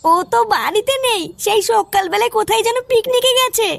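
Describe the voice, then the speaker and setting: A woman's voice: very high voice, a little fast, vocal fry, exaggerated voice. A woman voicing a worried, thrifty old grandmother in a cartoon, nagging and fretful. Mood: alarmed. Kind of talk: cartoon voice acting. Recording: cartoon with background music.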